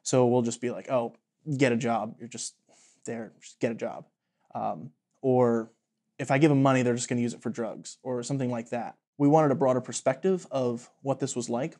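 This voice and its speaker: A man's voice: medium pitch, steady tone, moderate pace, warm tone. A young man in his twenties from Pennsylvania, a student guest explaining a project earnestly in an interview. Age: 20s. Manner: earnest and explanatory, with some fillers. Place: bright office room with large windows.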